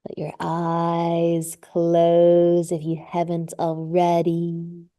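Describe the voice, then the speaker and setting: A woman teaching a live yoga class, giving slow, soothing cues and drawn-out breath prompts. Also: lowish voice, completely flat delivery, dark tone. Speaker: yoga instructor. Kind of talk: guided yoga class instruction.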